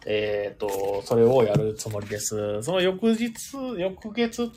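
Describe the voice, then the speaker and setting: A man hosting a casual live audio stream, chatting loosely with lots of fillers and reading listener comments, his voice hoarse and fading. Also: lowish voice, expressive, takes it slowly, dark tone. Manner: rambling and chatty, many fillers, talks to himself. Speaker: live audio stream host, board game venue owner.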